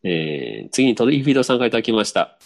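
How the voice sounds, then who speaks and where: A man's voice: lowish voice, racing, vocal fry. A man hosting a podcast, reading listener messages aloud and chatting casually, often chuckling and answering with short "un" sounds. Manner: relaxed, chatty, frequent laughter and back-channel "un". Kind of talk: casual chat.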